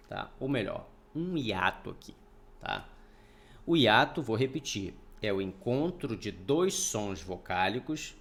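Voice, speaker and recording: A male teacher giving a recorded online grammar lesson. His pitch rises and falls a lot as he explains patiently, sounds out each syllable and keeps checking that students follow. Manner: explanatory, repeats points, checks in with "tá?". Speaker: Portuguese teacher.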